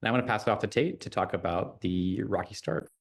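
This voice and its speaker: Low-voiced man presenting a talk. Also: fast talker, creaky. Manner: chatty, with frequent fillers and restarts. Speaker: UX designer presenting. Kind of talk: conference presentation.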